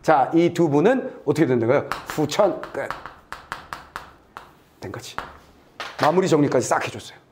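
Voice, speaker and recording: A middle-aged man lecturing on a test passage in a lively, playful way. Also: fairly high pitch, moderate pace, pauses often, slight background noise. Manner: lively, playful, acts out little scenes and sound effects. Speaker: Korean literature tutor. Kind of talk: lecture with acted examples.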